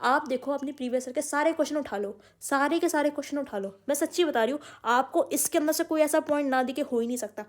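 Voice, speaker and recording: A woman's voice: high-pitched, fast talker, few pauses. A woman teaching an online exam-prep lecture, talking emphatically and calling her students "beta". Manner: emphatic, addresses students as "beta", mixes English terms. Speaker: commerce tutor.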